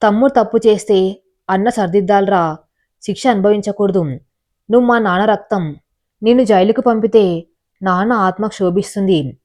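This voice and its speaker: A woman's voice: mid-range voice, moderate pace, pauses often, a little mellow, natural voice. A woman voicing a firm, protective elder brother who runs a company, in a read-aloud story. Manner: firm, commanding.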